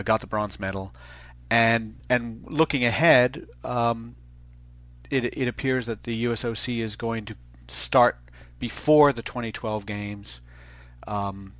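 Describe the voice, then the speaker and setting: Fairly low-voiced male interview host. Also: fairly bright tone, no echo. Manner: halting, rambling lead-ins to questions. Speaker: show host. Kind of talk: interview hosting.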